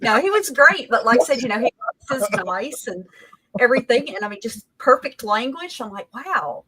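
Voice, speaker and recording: A woman's voice: fairly high pitch, sing-song, normal speed, bright, forceful tone, low-quality recording. A woman co-hosting a casual chat show, telling a wry story with easy humor. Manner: wry, chatty, laughs at own story. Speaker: podcast co-host.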